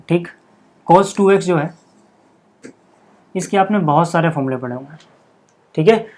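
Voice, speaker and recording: Man teaching maths step by step. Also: on the high side. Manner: checks in constantly with "okay", repeats key steps slowly. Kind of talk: explaining a maths lesson step by step.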